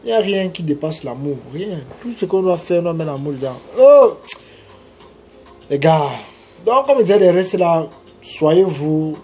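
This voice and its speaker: A man delivering a casual, emphatic advice monologue, repeating his points and jumping up in pitch when he urges his listeners on. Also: animated, moderate pace, warm tone. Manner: emphatic and repetitive, preachy. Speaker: vlogger giving love advice.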